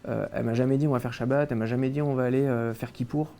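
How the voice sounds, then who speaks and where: A man's voice: mid-range voice, steady tone, racing, vocal fry, dark tone. A young man from France, a guest in a casual interview, recounting his childhood with many hesitations and restarts.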